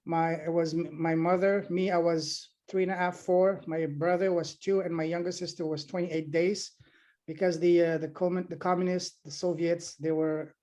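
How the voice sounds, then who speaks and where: A middle-aged man from Afghanistan, a podcast host now being interviewed, answers questions about his childhood with many fillers and restarts. His voice is fairly high and a little mellow.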